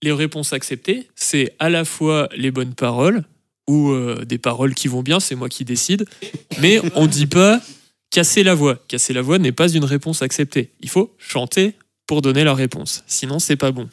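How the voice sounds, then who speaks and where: A man's voice: a little high, moderate pace, no echo, clean studio sound. Hesitant man hosting a podcast game. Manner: hesitant, lots of fillers. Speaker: podcast co-host running a game. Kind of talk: casual chat. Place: podcast studio.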